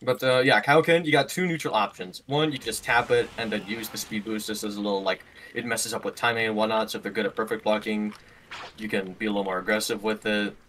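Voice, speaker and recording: A man's voice: on the low side, fairly even intonation, fast, a bit bright, far from the mic, a little hiss or hum. A man explaining combat mechanics to friends over voice chat in a casual, joking way, swearing freely.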